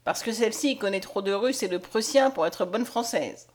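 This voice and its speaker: A woman voicing a gruff, stubborn male soldier who rudely refuses entry, in an audiobook. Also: mid-range voice, normal speed, natural voice. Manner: curt, rude. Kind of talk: audiobook character voice.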